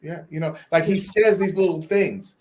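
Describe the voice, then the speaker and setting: A man being interviewed, telling stories in an animated way, often repeating words and acting out what others said. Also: high-pitched, moderate pace. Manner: animated storyteller, repeats words, acts out quotes. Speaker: guest speaker. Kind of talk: interview storytelling.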